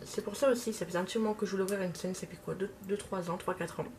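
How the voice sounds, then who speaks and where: Brief: young woman vlogger with a slight lisp, halting casual chat, faint noise behind. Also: mid-range voice, fairly even intonation. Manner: hesitant, many fillers. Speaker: makeup vlogger. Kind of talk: casual talk while doing makeup.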